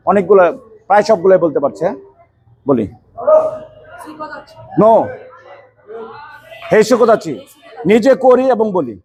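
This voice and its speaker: A man teaching a karate class. He calls out stance names loudly, quizzes his students, and coaches them firmly. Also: sits high, expressive, a little slow, pauses often, husky. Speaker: karate instructor. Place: karate training hall.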